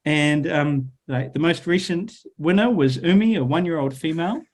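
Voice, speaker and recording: A man with a slightly raised voice, sharing an odd fact on a comedy panel. He speaks in a relaxed, halting way, pausing on ums as he goes. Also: a little high. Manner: laid-back, hesitant with ums. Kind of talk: casual comedic fact-telling.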